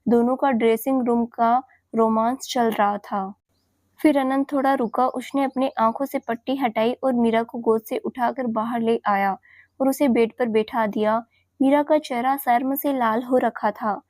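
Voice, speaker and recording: A woman storyteller giving scripted audio-story narration at an even, unhurried pace. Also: a little high, dry recording.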